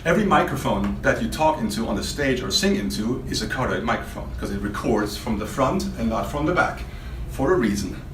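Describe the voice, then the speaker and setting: A man with a lowish, slightly bright voice and lively intonation talks fairly quickly with few pauses, demonstrating a loudspeaker maker's product to a small audience. He's emphatic and spontaneous, full of rhetorical questions, in a roomy hotel demo room with faint background noise.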